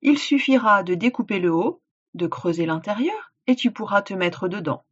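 A woman's voice: medium pitch, lively intonation, normal speed, breathy edge. Woman reading as a kind, practical granddaughter. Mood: reassuring. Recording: dull lo-fi recording.

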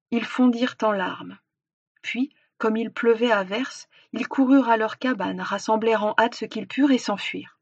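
A woman reading a storybook aloud with expressive narration that slows for effect. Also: fairly high pitch, husky, no echo. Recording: dull, dry recording.

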